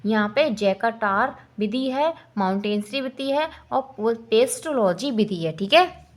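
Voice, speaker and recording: A woman's voice: fairly high pitch, expressive, a little slow. A woman teacher with an Indian accent going through exam questions and answers, echoing each answer back as a quiz question. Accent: Hindi-belt Indian. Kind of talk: exam-prep lesson.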